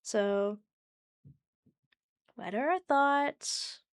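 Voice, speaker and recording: A woman streamer chats casually with her viewers in a soft, soothing, fairly high voice, speaking very slowly. She's chatty and giggly, addressing people in chat by name.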